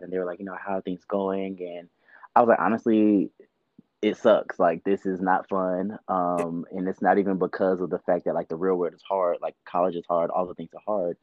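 A man's voice: sits low, fairly even intonation, normal speed, no echo, dull audio. A man from the US South, a podcast guest talking candidly in a chatty, filler-heavy way. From Georgia, US South. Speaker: podcast guest, actor and producer. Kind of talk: casual interview talk.

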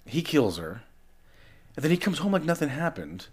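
A man's voice: a little high, big pitch swings, normal speed, a little mellow, husky. A man co-hosting a podcast in casual chat, talking animatedly and often repeating words as he restarts. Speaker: podcast co-host.

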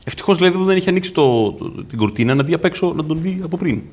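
A man co-hosting a comic podcast, reading a fairy tale aloud and joking about it with a laughing, playful manner. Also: fairly high pitch. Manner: playful, laughing, animated storytelling. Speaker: co-host and reader.

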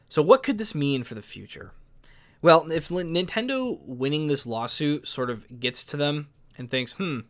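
In a slightly high voice, a young man in his early twenties offers casual commentary that sounds opinionated and exasperated. His speech is full of restarts and repeated words.

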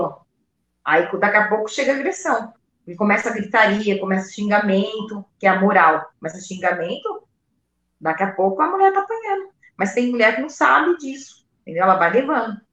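A woman's voice: mid-range voice, a bit bright. Brazilian woman explaining in an echoey room. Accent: Brazilian Portuguese. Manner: explanatory, repeating points with rhetorical checks. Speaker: guest. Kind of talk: casual chat.

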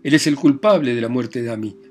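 A man's voice: mid-range voice, lively intonation, fairly quick, darkish tone, soft background music, close to an everyday voice. A man doing a nervous young lover. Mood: hushed. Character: nervous young lover hiding under a bed.

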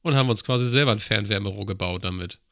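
A man's voice: fairly low pitch, quick pace, a bit bright, dry recording, clean studio sound. A man telling a long work story in casual podcast chat, with crude slang and acted-out dialogue. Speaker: podcast co-host.

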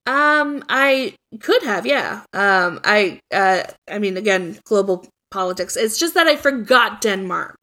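A woman's voice: medium pitch, animated, unhurried, hardly any pauses, bright, forceful tone. A woman co-hosting a casual chat podcast, rambling with many fillers and restarts. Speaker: podcast co-host.

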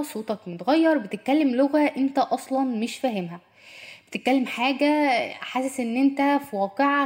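A woman's voice: a little high, darkish tone. A young woman radio host with an Egyptian Arabic accent, chatting casually and speaking straight to the listener. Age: young adult. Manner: chatty, addresses the listener directly.

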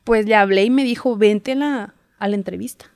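A young woman, telling her story as a guest in a casual interview, chatty and quick to laugh. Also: mid-range voice, darkish tone, dry recording, studio quality. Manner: chatty storyteller, laughs often, acts out quotes. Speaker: guest, TV reporter.

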